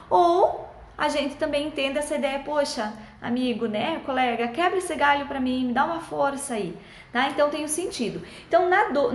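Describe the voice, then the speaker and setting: A woman teacher, patiently explaining schoolbook exercises to children in a friendly way and checking in often. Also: high voice. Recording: echoey room.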